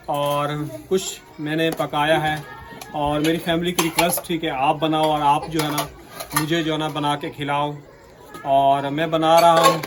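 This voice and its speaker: A middle-aged man with a hoarse voice, chatting as he hosts a family cooking vlog at home. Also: fairly high pitch, rough recording. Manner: warm greetings, chatty and teasing. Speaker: vlog host. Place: home kitchen.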